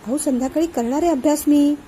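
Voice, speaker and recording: A woman's voice: high-pitched, fast, dark tone, slight background noise, lightly acted. A woman reading a storybook voicing a chatty young woman talking with her friend and her brother. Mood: chatty, defensive.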